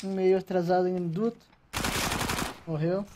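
Excitable Brazilian man streaming a shooter. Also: high-pitched, measured pace. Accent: Brazilian Portuguese. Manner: excitable, swearing, joking callouts. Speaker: streamer playing a team shooter. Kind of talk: casual gaming voice chat. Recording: noisy game audio behind.

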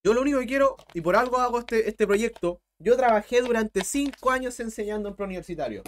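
Young Chilean male tutor, high voice, blunt, fired-up livestream talk. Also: lively intonation. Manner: blunt, impassioned, talks fast. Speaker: math tutor streamer.

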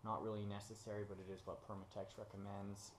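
A DIY mechanic host with a low voice explains an engine job at a quick pace, relaxed and full of ums and uhs as he works. It's a casual how-to in his home garage on a concrete floor, recorded by a camera sitting on the floor nearby while his hands stay busy, with a little hiss or hum.

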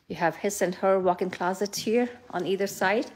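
Moving through a house indoors, a middle-aged realtor narrates an off-the-cuff tour, speaking upbeat praise at a medium pitch and moderate pace. Her voice is slightly rough, captured on a handheld phone.

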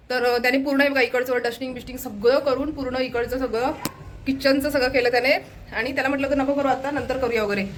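A woman chatting to viewers in a casual home vlog, showing what she cooks. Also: medium pitch. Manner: chatty, addresses viewers as friends, shows food. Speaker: vlogger. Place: home kitchen. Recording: home video with noise.

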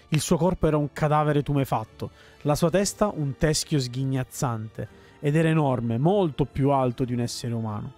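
A man reading a dark game story aloud in a measured, grave storytelling manner. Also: a little high. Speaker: let's player reading story text.

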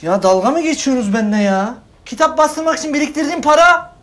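A man's voice: extremely high pitch, fast, fairly bright tone. An actor rehearsing a touchy, sarcastic young man who accuses his family of taking his money. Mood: accusing. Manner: sarcastic, defensive. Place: indoor film set.

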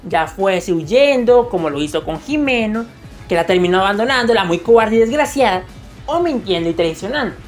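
Give me a woman with a fairly high voice giving crude, jokey anime commentary over soft music. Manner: slangy, jokey, crude humor. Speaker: anime video essayist. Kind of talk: casual commentary narration. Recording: faint music under the voice.

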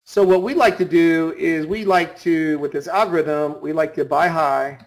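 A trading instructor with a slightly high voice narrates a screen recording at a moderate pace with fairly even intonation. His talk is informal and instructional, and he drives points home emphatically through repetition and rhetorical questions.

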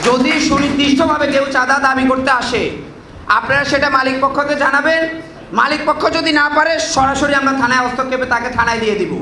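A man's voice: very high voice, steady tone, fast, roomy sound, a crowd in the background, noisy background. A young man, a student speaker, urging listeners in an impassioned speech into a handheld mic at an indoor meeting.

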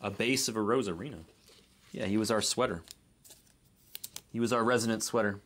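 A man's voice: on the low side, steady tone, fairly quick, fairly bright tone, a little hiss or hum. A man hosting a live card break, giving easygoing running commentary and second-guessing how to pronounce names. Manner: easygoing running commentary, unsure of name pronunciations.

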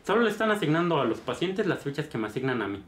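A man voicing a weary clinic doctor with a Mexican accent, explaining things in a flat, resigned way. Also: on the high side, fast talker. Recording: roomy echo.

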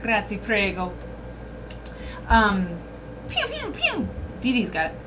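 A chatty woman hosts a casual livestream from a small room, speaking directly to viewers and reading their comments aloud. Her medium-pitched voice swings hugely in pitch while she talks slowly. Her webcam captures her with clear noise underneath.

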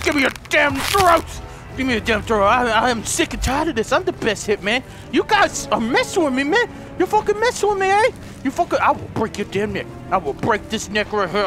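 A man hosting a gaming video, giving frantic gameplay commentary, excitable, shouting and cursing at the game. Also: extremely high pitch.

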